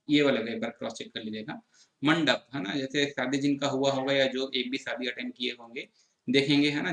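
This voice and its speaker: A male exam-prep teacher from Chhattisgarh, walks through an answer key. He explains patiently, checking in with students again and again, in a voice of middling pitch. The room around him is echoey. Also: fairly bright tone.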